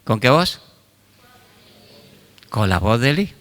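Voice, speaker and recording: A man's voice: mid-range voice, sing-song, takes it slowly, fairly bright tone, big-room sound. An older man, preaching a sermon fervently. He keeps firing rhetorical questions at the congregation and breaking in with short exclamations of praise. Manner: fervent preaching with call-and-response questions and frequent interjections. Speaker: pastor.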